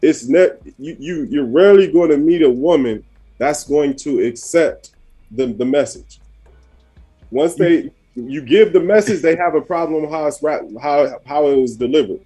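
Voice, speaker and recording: A man's voice: fairly high pitch, moderate pace, mellow, breathy edge. A man co-hosting a panel discussion, casual and insistent, explaining by example. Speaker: podcast co-host.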